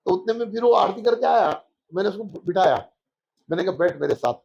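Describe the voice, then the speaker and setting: A man's voice: sits high, expressive, brisk, gravelly, a little mellow, highs cut off, slight background noise. A man as a spiritual guest, telling homely anecdotes in a casual interview and acting out the voices in them. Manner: anecdotal, folksy, acts out quoted voices.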